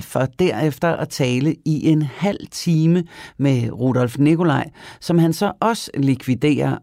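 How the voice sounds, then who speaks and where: A man giving measured, scripted documentary narration. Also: mid-range voice, creaky, warm tone, no echo, clean studio sound.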